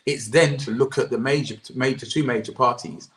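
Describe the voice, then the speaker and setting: This man, chair of a political campaign group, gives earnest interview answers on a video call, repeatedly restarting and ending thoughts with "et cetera." His medium-pitched, fairly bright voice moves fairly quickly with fairly even intonation, and the recording is rough.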